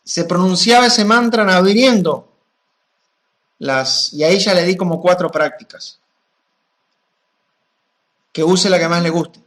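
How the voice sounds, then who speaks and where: A man, a spiritual teacher answering questions in a calm, explanatory way and chanting mantras with drawn-out vowels. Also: sits high. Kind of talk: gnostic teaching talk.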